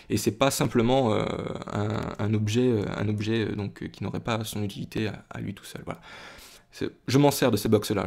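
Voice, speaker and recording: A man's voice: medium pitch, darkish tone. A young man from France chatting casually to viewers as he opens a box of trading cards, rambling with frequent restarts and fillers. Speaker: YouTuber opening card boxes. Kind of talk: casual chat to camera.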